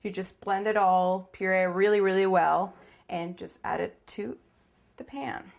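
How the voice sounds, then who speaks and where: A woman's voice: medium pitch, fairly even intonation, unhurried, creaky. A woman in her thirties with a Venezuelan accent, giving informal step-by-step cooking instruction in a home kitchen. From Caracas, Venezuela. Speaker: cooking demonstrator. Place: small home kitchen, indoors.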